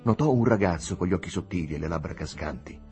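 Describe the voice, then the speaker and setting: A man reading a novel aloud as an audiobook, in an expressive, dramatic way. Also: low-pitched, fast talker, faint music behind. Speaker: audiobook reader. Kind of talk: scripted narration of a novel.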